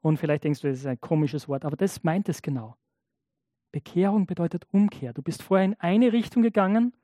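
A man's voice: on the high side, brisk, warm tone, dry recording, studio quality. A man preaching a sermon in a conversational way, often checking in with the congregation. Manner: acts out biblical and imagined speakers in changed voices.

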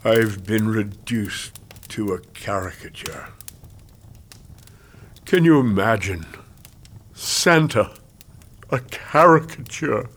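An actor playing a jolly, bumbling old Santa Claus in an audio drama, talking in a slow, chuckling, folksy way. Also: male voice, lowish voice, fairly bright tone. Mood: indignant.

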